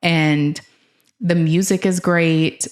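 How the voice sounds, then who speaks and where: Young woman w a low voice, gushing about songs she loves, lots of um and like. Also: steady tone, extremely slow. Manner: rambling, enthusiastic, many fillers and restarts. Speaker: host. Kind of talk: casual chat about music.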